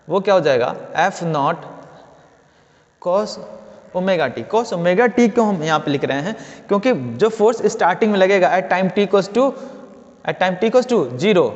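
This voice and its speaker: A man teaches physics in a fairly high voice, keeps posing questions and answering them himself. The sound is dull and lo-fi, with a long reverb trailing behind him. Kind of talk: classroom lecture.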